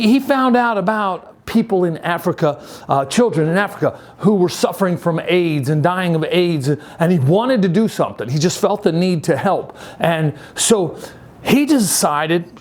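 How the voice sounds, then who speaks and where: Upbeat and informal like a youth pastor, this sixty-something youth group leader talks in a halting, chatty way and repeats phrases to stress his points. His pitch is fairly high, with a darkish tone.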